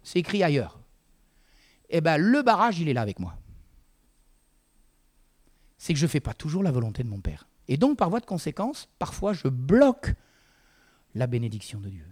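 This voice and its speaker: A man's voice: on the high side, huge pitch swings, normal speed, pauses often, a little mellow. A man preaching a sermon in a conversational way, with frequent asides to the congregation.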